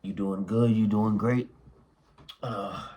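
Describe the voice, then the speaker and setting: A man's voice: fairly low pitch, steady tone, takes it slowly, warm tone, slightly rough. A man with the hiccups giving a laid-back, rambling spoken vocabulary lesson. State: has the hiccups. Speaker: vocabulary teacher.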